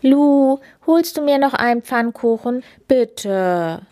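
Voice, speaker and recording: A woman's voice: high-pitched, lively intonation, takes it slowly, dark tone, no echo, pitched above the performer's own voice. A woman voicing Linus, an eager little boy and younger brother in a children's story. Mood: pleading.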